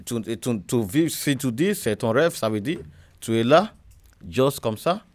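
A man's voice: medium pitch, lively intonation, a little slow. A man from Nigeria asking questions in a group, hesitant and often restarting his sentences. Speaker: interviewer. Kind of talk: casual interview in a group.

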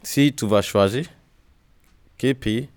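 A man's voice: medium pitch, takes it slowly, a little mellow, dry recording. A man from Nigeria asking questions in a group, hesitant and often restarting his sentences. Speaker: interviewer. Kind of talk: casual interview in a group.

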